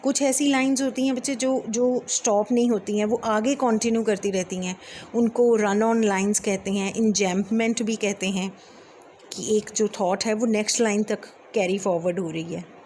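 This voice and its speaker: A woman's voice: mid-range voice, fairly even intonation, a little mellow, slight background noise. Woman teacher explaining poetry terms. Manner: explains step by step, mixing English terms, frequent fillers; reads verse lines slowly. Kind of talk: Hindi lecture on English poetry.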